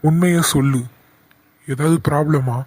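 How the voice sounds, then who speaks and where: A man's voice: fairly high pitch, fairly even intonation, a little slow, a little mellow, slightly rough, dry recording. A man voicing a stern young male college lecturer who questions firmly in a cartoon. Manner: firm, questioning. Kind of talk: cartoon voice acting.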